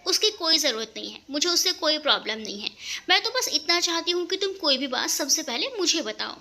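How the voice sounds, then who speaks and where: A jealous young woman sulks and reproaches her best friend. A woman narrator voices her a little higher than her own speech, with a bright, lively voice. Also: brisk, exaggerated voice. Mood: sulky. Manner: sulky, reproachful.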